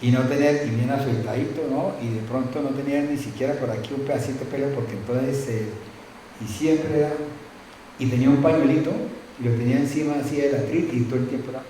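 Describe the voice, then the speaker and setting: A man's voice: mid-range voice, fast, warm tone, a little hiss or hum. A middle-aged male pastor preaching a sermon conversationally, with frequent tag questions and acted-out anecdotes. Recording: very echoey church room.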